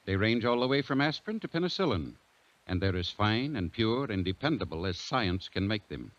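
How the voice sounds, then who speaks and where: A man speaks for the sponsor in an old-time radio commercial, earnest and measured, his pitch moving up and down in a lively way. The sound is dull and lo-fi, like an old radio broadcast. He delivers the pitch in a scripted 1940s radio style. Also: no room sound.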